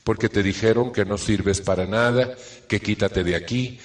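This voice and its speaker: A man's voice: lowish voice, moderate pace, in a large hall. A middle-aged man, giving an earnest self-help talk to a live audience and checking in with rhetorical questions.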